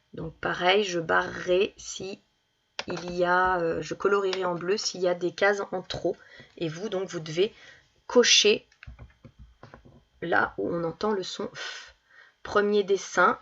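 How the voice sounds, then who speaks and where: A woman teaching young children, reading words slowly and clearly and stressing each one as she goes through worksheet exercises. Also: lowish voice, a bit bright, lo-fi sound. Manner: slow, deliberate, stresses each word. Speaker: primary school teacher.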